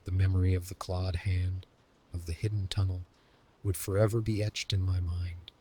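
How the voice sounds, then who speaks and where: A man telling a first-person horror story in scripted narration, slow, hushed and dramatic, sometimes sinking into a whisper. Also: sits low, little pitch movement, breathy edge.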